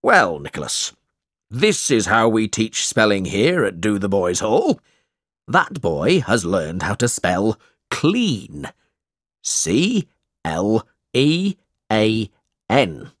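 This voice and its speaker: In an audiobook character reading, a man voices a cruel, boastful middle-aged schoolmaster, loud, blustering and bullying, heavily acted with a fairly low pitch and huge pitch swings, raised well above the narration. The pace is slow and heavy, and the recording sounds dry and close with no echo or room around it.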